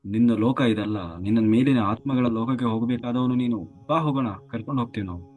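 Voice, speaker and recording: A man's voice: mid-range voice, fast, darkish tone, natural voice. A man voicing the stern male messengers of the death god, who coax a dead soul to come along with them. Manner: firm, coaxing, repeats "come, let's go".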